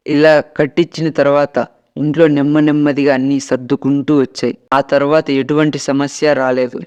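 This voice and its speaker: Smooth-voiced man telling a ghost story. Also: fairly high pitch, little pitch movement, moderate pace, a little mellow, lo-fi sound. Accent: Telugu. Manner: dramatic, quoting family members in his own voice. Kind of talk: first-person ghost story narration.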